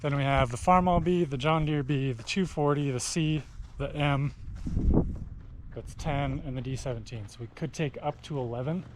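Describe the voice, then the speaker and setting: A young man chatting casually as he walks through his barn and shop showing off old tractors, folksy and quick to correct himself. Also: medium pitch, noisy background. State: out of breath. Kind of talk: casual walkthrough talk.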